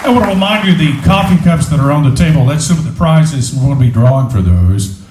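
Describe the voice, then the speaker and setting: Male radio host emceeing a rally, a touch high, casual and jokey, roomy hall. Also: lively intonation, fast talker, a little mellow. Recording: echoey hall, faint noise.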